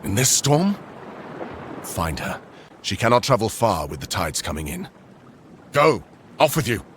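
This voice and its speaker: In a boyfriend roleplay audio, a man plays a proud, possessive conqueror king, commanding in slow, formal, measured phrases. His deep gravelly voice is a bit bright with big pitch swings, and the mood is urgent and commanding. A little hiss or hum sits in the recording.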